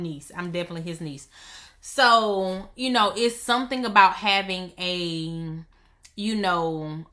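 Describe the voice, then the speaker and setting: Bright-voiced woman coach, emphatic and playful. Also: on the low side. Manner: emphatic and playful, repeats phrases for effect; slangy, conversational delivery. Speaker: business coach. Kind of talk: casual live-stream talk to viewers.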